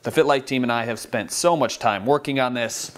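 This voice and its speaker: A man's voice: mid-range voice, a little fast. A man from Michigan hosting a health vlog, talking enthusiastically and casually about his favorite superfoods. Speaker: wellness channel host. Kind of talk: upbeat product-style health vlog.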